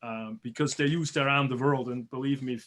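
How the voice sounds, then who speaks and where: A man from Switzerland teaching a biology review class over a video call, chatty and encouraging, slowly repeating terms. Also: mid-range voice, steady tone, a bit bright.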